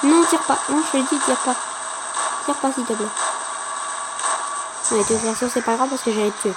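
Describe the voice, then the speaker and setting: Female gameplay host, high voice, excitable and chatty, noisy background. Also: normal speed. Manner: chatty, excitable, talks to viewers and opponents. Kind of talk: casual gameplay commentary.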